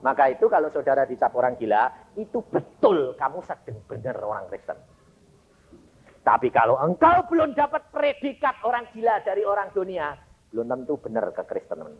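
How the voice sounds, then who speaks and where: A man's voice: mid-range voice, wildly swooping pitch, normal speed, breathy edge. A male evangelist preaching a sermon, telling stories and asking the congregation rhetorical questions. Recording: dull lo-fi sermon recording.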